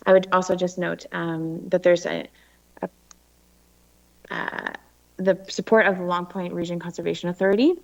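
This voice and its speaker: A woman's voice: lowish voice, flat delivery, normal speed, gravelly, pauses often. Muffled, masked woman giving a report. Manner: muffled through a face mask. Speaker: planning staff presenter. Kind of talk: formal report at a committee meeting. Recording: dull muffled meeting audio.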